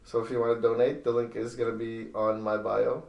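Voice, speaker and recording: A man's voice: mid-range voice, little pitch movement, fairly quick, gravelly, reverberant, recorded from a distance. A man co-hosting a podcast, chatting in a joking, playful way. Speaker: podcast co-host. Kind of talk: casual podcast banter.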